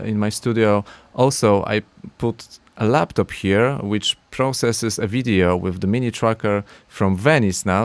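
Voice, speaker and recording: In his small home studio, a man in his thirties casually reviews an audio plugin, speaking at a medium pitch into a studio condenser mic on an arm. His talk is hesitant and full of "uh" fillers, with slightly non-native phrasing, and the recording has no echo.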